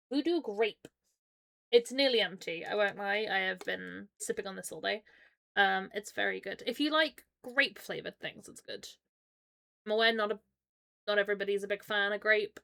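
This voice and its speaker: A woman's voice: mid-range voice, vocal fry, bright, forceful tone. A British woman chatting casually as a live streamer, talking through a painfully swollen mouth from dental trouble, in an informal, apologetic way. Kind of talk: casual livestream chat.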